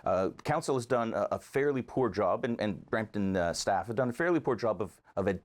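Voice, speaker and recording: A man with a fairly low voice appears as a guest in a conversational interview, animated and brisk. He comes across as an earnest local advocate laying out his argument point by point.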